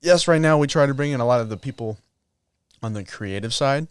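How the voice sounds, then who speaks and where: A young college-aged man co-hosting a podcast in a relaxed, chatty way. He speaks at a mid pitch on a close, dry mic. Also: brisk, clean tone, no room sound. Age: young adult. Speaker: podcast co-host. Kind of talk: casual chat. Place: home couch.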